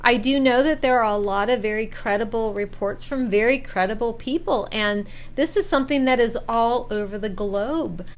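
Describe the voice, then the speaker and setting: A woman with a slightly high voice casually tells a personal camping story at normal speed, barely pausing. She acts out bits of dialogue and repeats words for emphasis.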